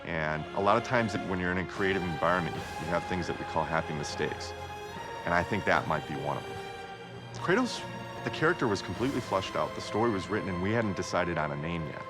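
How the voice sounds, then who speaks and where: Deep-voiced man in casual interview. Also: animated, brisk. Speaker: game developer interviewee. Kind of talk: informal documentary interview. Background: music.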